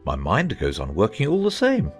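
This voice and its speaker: Here a man voices a gentle old knight, cast as a solemn and muddled inventor in a storybook drama. At a moderate pace he rambles earnestly and thoughtfully, pitch swinging hugely from low to high, faint music behind him, sounding absorbed and self-assured.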